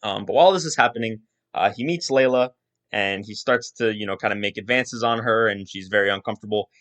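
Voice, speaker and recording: A man's voice: lowish voice, brisk, a bit bright. A man hosting a casual solo podcast, rambling through his thoughts with lots of restarts and asides. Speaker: podcast host.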